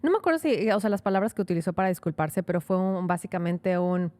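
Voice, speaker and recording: Speaking quickly in a fairly low voice, a Spanish-native immigration lawyer and podcast co-host shares an anecdote in casual conversation. She's lively, performs the quoted lines, and leans heavily on fillers.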